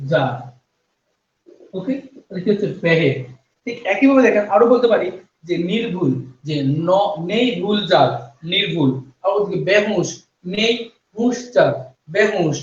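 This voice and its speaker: High-voiced male teacher in an echoey room. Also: far from the mic. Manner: repeats points and quizzes listeners with questions. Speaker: Bengali grammar teacher. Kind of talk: exam-prep grammar lesson. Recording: echoey, dull room sound from off mic.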